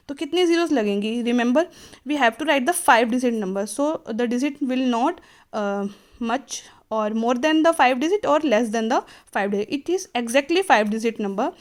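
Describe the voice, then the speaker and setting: A woman teacher with an Indian accent explaining a maths lesson, slow and careful in English and switching to quick Hindi asides. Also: sits high.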